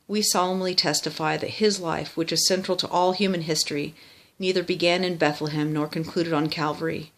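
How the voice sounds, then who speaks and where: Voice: mid-range voice, fairly even intonation, a little fast, few pauses, a bit bright. A person reciting a memorized religious text by rote, formal in wording, with small stumbles and self-corrections.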